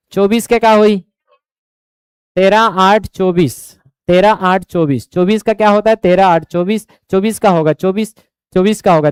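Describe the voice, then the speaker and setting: A man with a Chhattisgarhi accent runs an exam coaching class, drilling numbers repeatedly and frequently checking whether students are following. His high-pitched voice is clear and resonant, captured as clean studio sound with no room noise.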